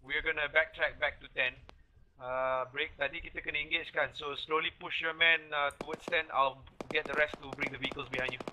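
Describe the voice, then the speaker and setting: Man, very sharp forceful voice, fast blunt tactical orders, some Malay, noisy game chat. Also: a little high, fairly even intonation. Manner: brisk, blunt, swearing, some Malay mixed in. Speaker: commanding player in online military game. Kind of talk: radio-style tactical game commands.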